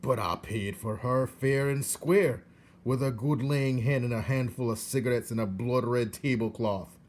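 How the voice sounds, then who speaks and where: A coarse, grasping peasant uncle from a storybook, played by a man, full of indignant protest. His pitch is pushed up, over a noisy recording. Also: a little slow, natural voice. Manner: exclaiming, protesting. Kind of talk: storybook character reading.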